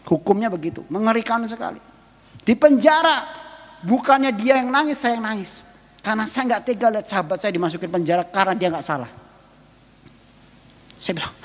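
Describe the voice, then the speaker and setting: A man preaching a sermon as pastor, emotive and telling personal stories, swinging between loud and hushed and joking with the congregation. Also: very high-pitched, in a large hall.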